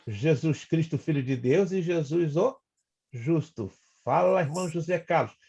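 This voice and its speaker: A man's voice: a little high, measured pace, gravelly, dark tone, slightly rough, dull audio. A man with a Brazilian Portuguese accent, a pastor teaching an online Bible class in a chatty, teasing way and explaining step by step over a video call.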